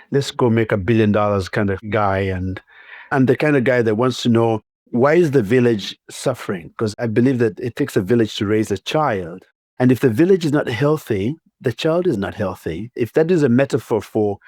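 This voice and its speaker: Uganda-accented guy, chatty and cheeky, mid pitch, dry sound. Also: darkish tone, no room sound. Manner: playful, laughing often, expansive storyteller. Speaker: guest. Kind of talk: podcast interview.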